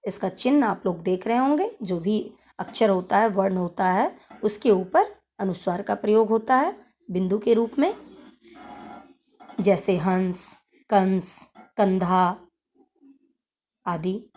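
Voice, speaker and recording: A woman teacher explaining a grammar lesson to children, repeating key points in a deliberate way. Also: medium pitch, lively intonation, a little mellow. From India. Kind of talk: slow classroom lesson explanation.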